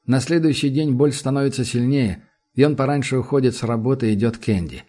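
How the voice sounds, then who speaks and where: Brief: husky male narrator, mid-pitched, steady audiobook reading. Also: fast talker. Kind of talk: scripted narration.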